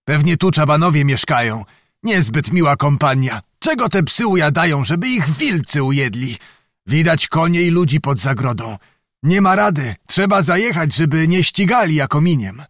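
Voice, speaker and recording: A man's voice: a little high, lively intonation, moderate pace, a bit bright, no echo, clean studio sound, voice pushed up. A man voicing a boastful, cunning old nobleman who blusters and commands, reading a storybook. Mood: wary.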